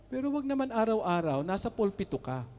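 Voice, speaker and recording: Animated high-voiced pastor preaching. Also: male voice, fairly quick, big-room sound. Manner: animated, mixing Tagalog and English, chuckling asides. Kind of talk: preaching a sermon.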